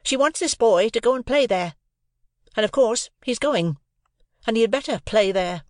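In an audiobook, a reader voices a sharp-tongued, snappish, sarcastic older sister who scolds in long, reproachful tirades. The voice is mid-range, expressive, and at normal speed, lightly acted and pitched above the performer's own, recorded in studio quality with no echo.

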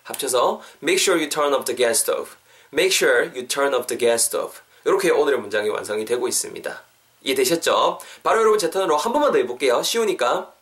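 This English teacher hosts a podcast lesson; he's a young man who explains phrases, then repeats them slowly for his audience to practice. He sounds energetic and encouraging, his pitch jumping up without warning.

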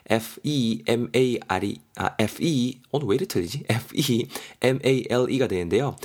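A man teaching English in a chatty podcast lesson. He explains words step by step and spells them out letter by letter. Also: lowish voice.

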